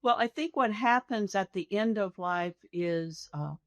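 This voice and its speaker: An older woman, a hospice nurse, answering interview questions reflectively in a soft, slow, thoughtful, measured manner. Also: medium pitch, dry recording.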